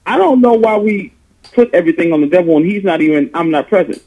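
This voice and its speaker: Fast-talking man from Detroit, muffled. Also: high voice, husky. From Detroit, USA. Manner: animated, preachy riffing with rhetorical questions. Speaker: gospel musician guest. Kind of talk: casual interview talk. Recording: muffled lo-fi audio.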